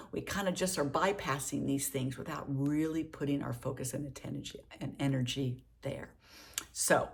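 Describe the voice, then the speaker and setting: A woman's voice: low voice, vocal fry. A middle-aged woman giving an upbeat, conversational wellness talk, coaching her listeners with plenty of casual fillers. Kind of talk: motivational talk.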